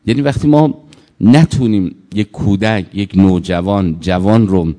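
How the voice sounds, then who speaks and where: Male preacher, low and warm, tells anecdotes in a reverberant hall. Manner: storytelling, acting out the people in his stories. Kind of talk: sermon with anecdotes.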